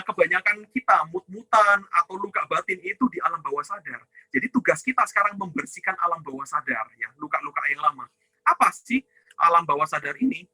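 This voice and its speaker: A man with a high, very bright and forceful voice gives a ministry teaching talk. He poses rhetorical questions and answers them himself, dropping a questioning "ya" after nearly every phrase. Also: no room sound, poor audio. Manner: asks and answers his own questions, tags lines with "ya"; addresses listeners as "saudara". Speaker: ministry teacher on inner healing.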